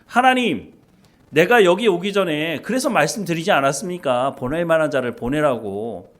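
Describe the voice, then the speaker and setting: A man's voice: fairly high pitch, lively intonation, normal speed, fairly bright tone. A man voicing an exasperated male prophet who complains to God in pleading, indignant questions.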